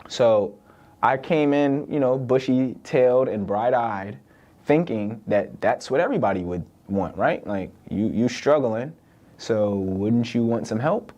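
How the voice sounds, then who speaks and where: A man's voice: medium pitch, lively intonation, a little slow, a little mellow, dull audio. A young man, a podcast host from Virginia, talking in a loose, conversational solo monologue full of "like" and "right?". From born in the UK, raised in Virginia.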